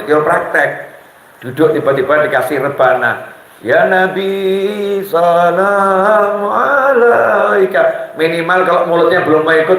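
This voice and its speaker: A man with an Indonesian accent giving a lively sermon, acting out the people in his stories in different voices. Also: on the high side. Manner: animated, switches voices for quoted people. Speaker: preacher. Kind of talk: lively sermon with acted-out dialogue. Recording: echoey hall sound.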